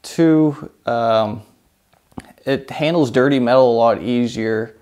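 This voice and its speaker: A man in his thirties hosting a workshop video, talking casually to the camera in an indoor home shop with a lapel mic, relaxed and rambling with lots of fillers. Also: mid-range voice, slow pace.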